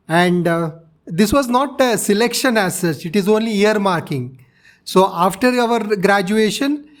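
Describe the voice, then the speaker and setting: A man in his sixties speaks with a South Indian accent in a notably high-pitched voice. He answers as an interviewee, laying out his experiences step by step in a measured, explanatory manner. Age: 60s. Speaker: interviewee, retired navy officer. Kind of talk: interview, recounting personal experience.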